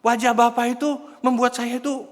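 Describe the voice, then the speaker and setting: A man voicing a gentle teenage girl who speaks softly and earnestly to a stranger. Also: very high voice, level tone, moderate pace, in a large hall, voice pushed up. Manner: soft, pleading.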